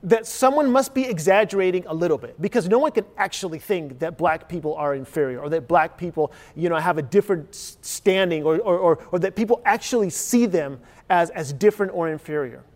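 High-pitched pastor in his 40s, earnest and searching, lots of rhetorical questions, big reverberant hall. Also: lively intonation, a little fast, a little mellow. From Chile. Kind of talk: sermon.

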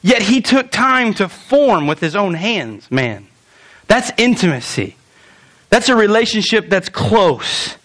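A man's voice: high voice, very animated, slow pace, fairly bright tone. A man preaching a sermon as pastor in a church, telling the story with animation and acting out the scenes.

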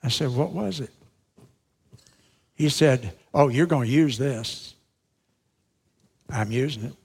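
A middle-aged man preaches a sermon, building to loud, emphatic declarations and then dropping to slow, hushed words. His voice carries with the long reverb of a large church hall. It sits at an ordinary mid pitch for a man. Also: creaky, slightly rough. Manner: dramatic preaching that swings between loud emphatic lines and hushed, slowed phrases. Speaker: pastor.

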